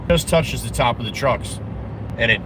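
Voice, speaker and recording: A middle-aged man talks off the cuff to his live-stream audience while he drives. He is blunt, drifts between thoughts and trips over his own sentences in a voice of ordinary pitch. The road and engine noise of the car hums clearly under everything he says. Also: lively intonation, normal speed. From New Jersey. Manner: rambling, self-interrupting, blunt, answers chat viewers. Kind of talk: casual live-stream chat while driving.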